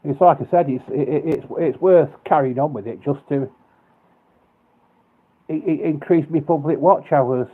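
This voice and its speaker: A man hosting a casual live stream, talking haltingly and repeating words as he restarts sentences. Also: a little high. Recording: tinny phone-like sound.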